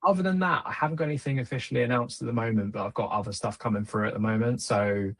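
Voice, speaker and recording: A man's voice: medium pitch, very fast, fairly bright tone. A young man, a music producer talking as a podcast guest in an easygoing, rambling way with many fillers. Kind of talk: casual chat.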